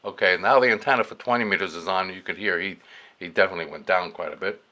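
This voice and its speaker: Thinking aloud as he works, a man gives an unscripted, hands-on demonstration of a radio receiver as an amateur hobbyist, explaining things casually. He talks fast in a low voice with a sharp tone. Shortwave stations and static make for clear background noise.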